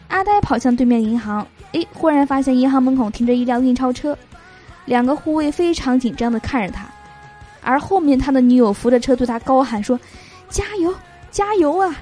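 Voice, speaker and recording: A woman's voice: sits high, a little mellow. A woman hosting a joke show, reading jokes aloud in a cheerful way and laughing at her own punchlines. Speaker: host.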